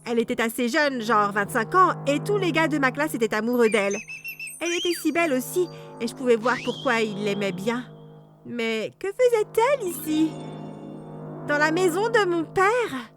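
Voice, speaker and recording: A high-voiced woman narrates an animated storytime in a dramatic, exclamatory way. Loud background music plays under her voice throughout. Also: moderate pace. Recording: music playing behind.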